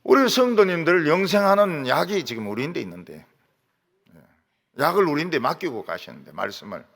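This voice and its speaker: Male pastor, middle-aged, gravelly and animated, questions his congregation, reverberant sanctuary. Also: a little high, fairly quick. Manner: animated, questions the congregation, swings loud and soft. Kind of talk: sermon. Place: church sanctuary. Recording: long hall reverb.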